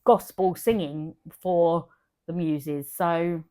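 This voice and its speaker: A woman's voice: lowish voice, steady tone, slow, dark tone. A woman co-hosting a film podcast in casual, enthusiastic chat, often trailing off and restarting. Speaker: podcast co-host.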